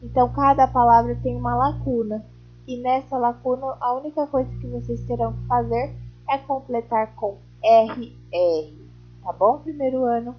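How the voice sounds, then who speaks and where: A woman's voice: on the high side, steady tone, moderate pace, breathy edge. A woman teaching a recorded class to young children, patient and step by step, checking in often with her pupils. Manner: patient, explaining step by step with frequent check-ins. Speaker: primary school teacher. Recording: dull lo-fi home recording.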